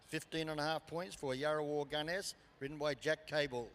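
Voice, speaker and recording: Aussie guy calling a live campdraft over the pa, highish voice, big echoey arena. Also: steady tone, brisk, fairly bright tone. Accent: Australian. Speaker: arena commentator and announcer. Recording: PA echoing through large arena.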